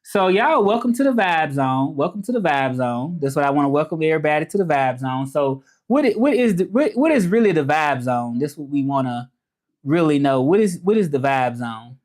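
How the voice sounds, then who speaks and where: Speaking in a fairly high, animated, brisk voice with a slightly mellow quality, a Memphis man in his thirties chats casually on his livestream. He has a Southern accent, teaches French, and keeps repeating himself while greeting viewers and encouraging subscriptions.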